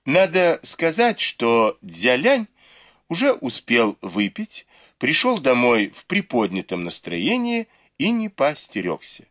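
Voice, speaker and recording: A man reading an audiobook narration in an expressive storytelling manner. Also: medium pitch, slow pace, dull audio. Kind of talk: scripted narration.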